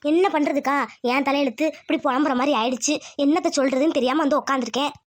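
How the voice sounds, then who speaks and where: A woman's voice: high voice, fairly even intonation, quick pace, close to an everyday voice. A woman playing a frustrated young village wife who complains in an exasperated way.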